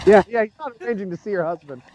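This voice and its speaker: A man's voice: sits high, rapid-fire, darkish tone, a little hiss or hum. A man co-hosting a comedy show, riffing over a film with jokes and frequent laughs. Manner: joking, laughs often. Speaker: comedy podcast co-host.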